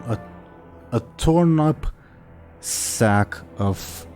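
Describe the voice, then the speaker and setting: A man's voice: medium pitch, animated, very slow, a little mellow, soft background music. A man running a tabletop role-playing game as game master, narrating and ruling casually.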